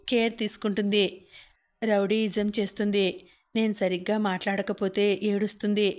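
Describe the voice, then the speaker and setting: A man's voice: high-pitched, close to an everyday voice. A woman voicing a teasing young man who becomes frank and confiding about his feelings, in an audiobook novel. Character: young man, teasing yet shy in love.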